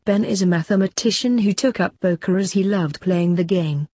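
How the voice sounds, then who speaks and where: A woman narrates a written article in a formal manner, sticking closely to the script. Her voice sits a little low, with a dark, soft tone and a husky edge. The recording is dry and close, with no room sound. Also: normal speed, no room sound. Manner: formal, reading verbatim.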